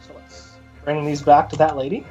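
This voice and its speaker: A man's voice: fairly high pitch, monotone, normal speed, darkish tone, muffled recording, soft background music. A man casually guiding friends through a game, chatty and explaining things helpfully. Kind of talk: casual gaming chat.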